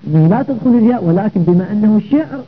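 A man's voice: high-pitched, expressive, very fast, breathy edge, narrow, tinny audio. A man teaching a grammar lesson, explaining step by step and checking understanding with rhetorical questions.

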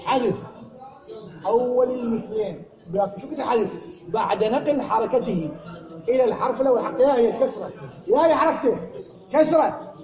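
A man's voice: very high voice, expressive, brisk, pauses often, a crowd in the background. A man with an Iraqi Arabic accent teaching a grammar lesson to a class, drilling students with repeated questions. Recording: echoey room, class audible.

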